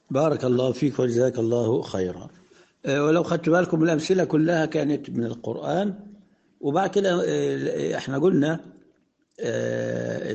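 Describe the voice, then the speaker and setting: A man's voice: mid-range voice, creaky, dark tone. A man with an Egyptian accent teaching an Arabic grammar lesson in a conversational way. He asks the class questions, answers them himself, and recites verses in a raised voice.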